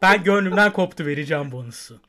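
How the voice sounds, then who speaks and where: Playful, teasing man host, slightly high. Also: expressive, fast, pushed and bright. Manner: playful, teasing, laughs often. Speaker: podcast co-host. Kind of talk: casual podcast chat.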